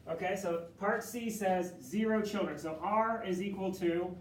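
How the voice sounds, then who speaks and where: High-voiced male tutor in echoey classroom. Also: a little slow, a little hiss or hum. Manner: joking, coaxing students through steps. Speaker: math tutor. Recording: echoey room from far off.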